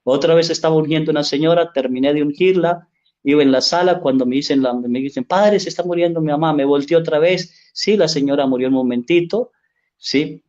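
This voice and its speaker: Male priest, pitched a bit high, earnest sermon storytelling, slightly lo-fi recording. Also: brisk, a little mellow. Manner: earnest storytelling, tag questions "¿sí?".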